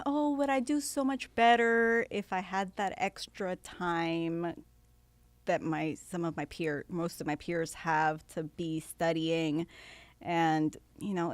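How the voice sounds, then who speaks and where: A young woman with a fairly low voice chats casually in an interview, laughing easily and using fillers. Originally from Venezuela, she grew up in San Francisco and is now a law student. The recording has no room sound.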